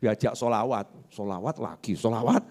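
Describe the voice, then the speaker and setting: A male preacher giving a lively sermon, asking the audience questions and answering them himself. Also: fairly low pitch, moderate pace.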